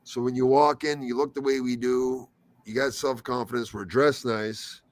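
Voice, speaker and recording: A man's voice: mid-range voice, steady tone, normal speed. A man hosting a livestream. He chats casually, asks his guest questions and laughs often. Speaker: host.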